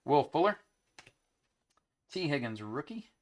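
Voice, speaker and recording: A man's voice: a little high, sing-song, takes it slowly. A young adult man hosting a trading card break, chatting casually and calling out player names as he opens packs. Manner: easygoing, rattles off player names between chat. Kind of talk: casual chat while opening card packs.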